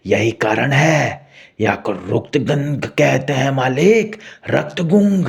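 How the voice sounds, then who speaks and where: An earnest, fearful village servant in a storybook tale, as the narrator puts him on. He drawls very slowly in rural dialect. The voice is gravelly and husky, with a lot of breath in it. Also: medium pitch, voice pushed up, heavily acted. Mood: earnest, urgent.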